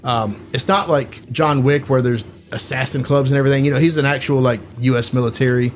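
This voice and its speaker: Brisk and medium-pitched with fairly even intonation, a podcast host's voice comes through over slight background noise. Chatting casually, he meanders through a movie's plot with many fillers and performs the quoted lines.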